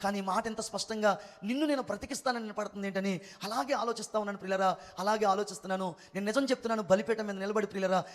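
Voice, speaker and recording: Fervent preacher in an echoing hall. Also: male voice, high voice, fairly even intonation, racing. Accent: Telugu. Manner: fervent, calls for praise, acts out cries. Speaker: pastor. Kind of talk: sermon testimony. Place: church stage at an altar. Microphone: handheld microphone. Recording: long hall reverb.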